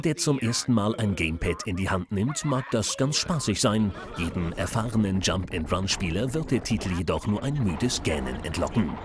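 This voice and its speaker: A man reading a scripted video game magazine review as the narrator. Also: fairly low pitch.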